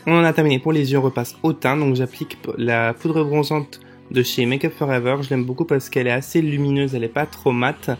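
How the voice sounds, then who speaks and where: A man's voice: medium pitch, steady tone, a little fast, faint music behind. A man chatting through a makeup tutorial as a voice-over, tired and often tripping over his words and correcting himself. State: tired late at night. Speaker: makeup vlogger.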